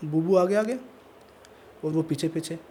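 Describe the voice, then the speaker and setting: A man with a Pahari Hindi accent telling a horror story in a casual, animated, conversational podcast style. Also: on the high side, measured pace, a little hiss or hum. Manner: animated, conversational, acts out voices. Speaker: storyteller guest. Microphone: podcast mic.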